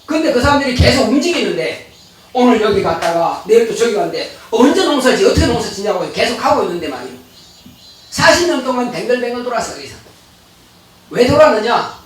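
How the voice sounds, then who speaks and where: A man's voice: extremely high pitch, sing-song, fast, heavy reverb, far from the mic, a crowd in the background, rough recording. A male pastor giving a folksy, chatty sermon full of rhetorical questions to his congregation. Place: church sanctuary.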